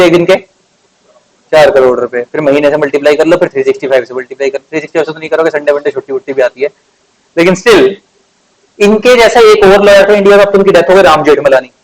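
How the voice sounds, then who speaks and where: A man's voice: fairly high pitch, poor audio. A man, teaching law in a chatty lecture and asking the class questions. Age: 20s. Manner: conversational, asks rhetorical questions, stretches key words.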